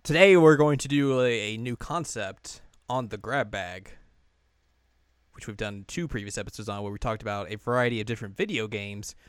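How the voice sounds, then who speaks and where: Young male podcast host, relaxed rambling delivery, smooth voice, dry close mic. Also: fairly low pitch, normal speed, dry recording. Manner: laid-back, rambling with fillers and laughs. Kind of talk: casual podcast chat.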